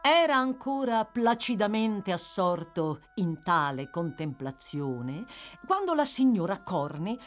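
A woman narrating a classic novel aloud in a measured, expressive storytelling manner. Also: mid-range voice, soft background music. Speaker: audiobook reader. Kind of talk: literary audiobook narration.

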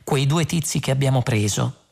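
A man reading an audiobook, voicing a patient, exasperated young woman aboard a starship, with a gravelly voice. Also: medium pitch, a little mellow. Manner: patient, deliberate.

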